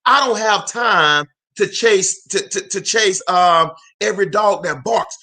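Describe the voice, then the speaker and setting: The man's voice sits high and sounds bright and forceful, kept to a measured pace. He's in his forties, a motivational speaker and host whose fervent live talk uses a preacher-like rhythm, emphatic repetition, and calls out to those watching.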